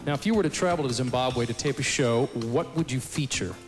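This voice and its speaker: A man's voice: mid-range voice, a little fast. A man interviewing contestants live on stage as a pageant host. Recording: echoey stage, loud music and crowd.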